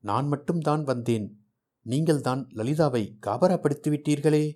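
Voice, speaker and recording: A bold, quick-witted young woman from a storybook, her voice lifted noticeably higher and brighter, as a male reader puts her on. She speaks up for her shy friend in a lively, pleading rush and teases with a sharp tongue. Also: lightly acted. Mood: teasing.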